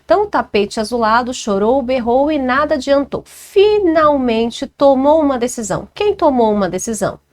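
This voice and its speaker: A woman's voice: high voice, expressive, normal speed, few pauses. A woman teacher with a Brazilian Portuguese accent, walking through exam answers and checking in with her students. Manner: chatty, checks in with listeners often. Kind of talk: exam walkthrough lesson.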